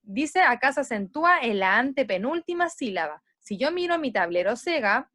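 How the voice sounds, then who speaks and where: Lively teacher woman, syllable-stressing. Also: on the high side, no room sound, studio quality. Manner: slow, stressed syllables when modeling words. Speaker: primary school teacher. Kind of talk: explanatory lesson for children.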